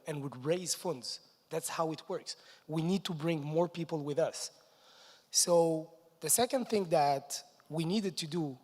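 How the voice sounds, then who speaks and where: A man from Morocco, giving an energetic stage presentation at a conference and chuckling between points. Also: fairly high pitch. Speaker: conference speaker. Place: large conference hall stage. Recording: long reverb of a large hall.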